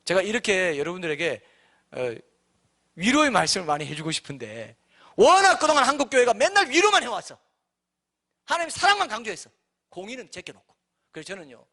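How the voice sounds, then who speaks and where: Emphatic, lively male pastor preaching. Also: high voice, fast talker, pauses often. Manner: emphatic, rhetorical questions to the congregation. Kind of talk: sermon.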